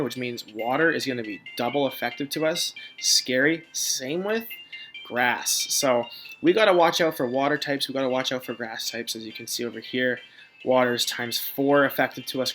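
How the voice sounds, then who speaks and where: A woman's voice: a bass voice, normal speed, a bit bright, soft background music. A young woman hosting a let's play, chatting playfully through a video game. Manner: chatty, playful, self-mocking. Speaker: gaming channel host.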